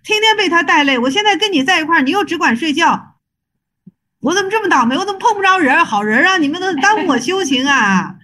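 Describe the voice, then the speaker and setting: A frustrated male monk grumbles with a whiny, exasperated edge, as a woman teacher puts him on. The voice sits high and climbs higher on each complaint. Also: lively intonation, fast, sharp tone, heavily acted. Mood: whining.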